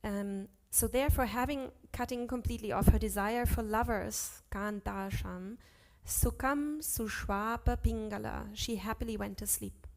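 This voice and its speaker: A woman teaching a class on Sanskrit scripture, chanting verses slowly and correcting herself aloud as she goes. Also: medium pitch, steady tone, a little mellow. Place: ashram class.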